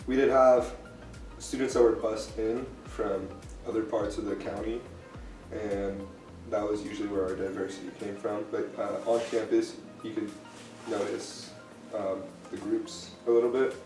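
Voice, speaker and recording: A man's voice: lowish voice, darkish tone. A young man from San Diego, nineteen years old, answering questions in a friendly, chatty way. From San Diego, California, USA. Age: young adult. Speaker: interviewee. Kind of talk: casual interview. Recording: roomy sound from a distant mic with music.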